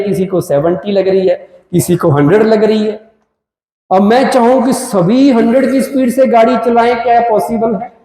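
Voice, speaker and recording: High-voiced man giving a spiritual talk. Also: warm tone. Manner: asks the crowd questions, Hinglish mix. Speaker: spiritual speaker. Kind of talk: spiritual talk to a live audience. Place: large hall. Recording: echoey hall from afar.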